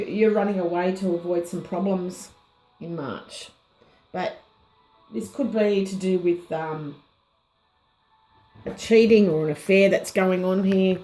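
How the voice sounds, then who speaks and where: A woman giving a casual tarot reading, slightly hoarse and unhurried, pausing often with ums as she muses over the cards. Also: mid-range voice, dark tone, echoey room, poor audio. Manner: unhurried, musing, many ums and pauses. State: slightly hoarse, losing her voice. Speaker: tarot reader.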